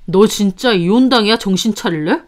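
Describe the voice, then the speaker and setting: A woman's voice: mid-range voice, moderate pace, lightly acted. Curt belittling husband, read by a woman. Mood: dismissive. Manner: curt and dismissive. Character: cold, belittling husband, young adult man.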